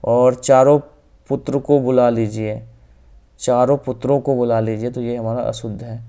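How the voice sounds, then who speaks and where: A man with a North Indian Hindi accent teaching exam-prep grammar in a steady, flat delivery. His voice is dark and mellow, and he works through each question methodically, repeating the answers. His phrases often trail off softly at the end. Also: mid-range voice, normal speed. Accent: Hindi-speaking North Indian. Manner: explains step by step, repeats answers, often says "ok".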